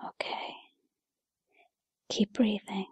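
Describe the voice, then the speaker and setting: A woman playing a gentle, patient fairy godmother in a whispered role-play, with a breathy whisper and a soothing, encouraging manner. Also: no room sound. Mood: gentle, reassuring. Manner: soothing, encouraging, unhurried second-person address.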